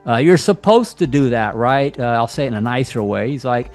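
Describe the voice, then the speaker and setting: A man's voice: medium pitch, animated, a little fast, a little mellow, soft background music. A man speaking in a blunt, conversational monologue about relationships, with frequent asides and mock quotes. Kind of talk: casual monologue to camera.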